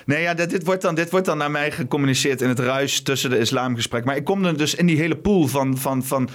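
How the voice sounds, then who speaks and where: A man's voice: a little high, quick pace. A man hosting a casual chat, talking loosely and stumbling over repeated words.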